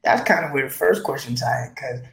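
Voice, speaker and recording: A man's voice: mid-range voice, brisk, creaky, over a noisy crowd. A man co-hosting a podcast, chatting casually and joking as he tells a story. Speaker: podcast co-host. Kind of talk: casual chat. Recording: roomy echo.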